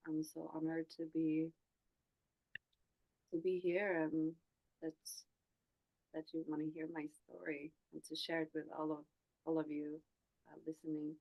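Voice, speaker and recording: A Swedish woman in her forties, a guest speaking English, softly shares a reflective personal story with many hesitations, pauses, and restarts. Her low voice is level and gravelly, and she takes her time. The sound is lo-fi.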